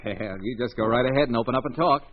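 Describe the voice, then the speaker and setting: A man's voice: mid-range voice, quick pace, close to an everyday voice. An actor playing a breezy, flippant male private investigator in a 1940s radio comedy mystery. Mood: wry, reassuring. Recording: dull old radio recording.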